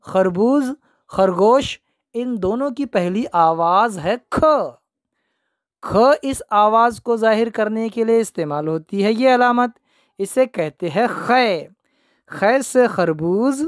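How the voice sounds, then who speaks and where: A man's voice: high voice, no echo, clean studio sound. A man teaching young children the alphabet, repeating each word and answering his own questions.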